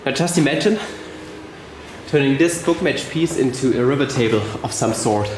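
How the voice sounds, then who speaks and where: A man casually narrating a woodworking vlog, talking excitedly and swearing now and then as he works on wood in his workshop. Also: medium pitch, normal speed, background noise. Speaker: woodworking vlogger. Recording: very echoey workshop room.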